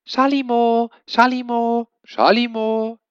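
A man voicing a fussy rich woman who dotes on her pets, calling out in a shrill, high voice. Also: wildly swooping pitch, measured pace, fairly bright tone, no echo. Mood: shrill scolding. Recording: dull dry lo-fi recording.

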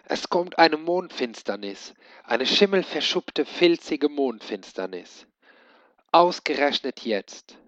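Excitable kobold girl, shrill and fretful, played by a man, raised well above his voice, storybook read-aloud. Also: measured pace, no room sound. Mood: alarmed. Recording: dull lo-fi recording.

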